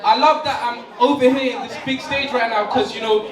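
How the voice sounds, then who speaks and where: Recorded from a distance in an echoey hall, a young comedian with a very high, steady-toned voice performs a little fast while slightly tipsy. He jokes, laughs and shouts with the loud crowd, which laughs and cheers.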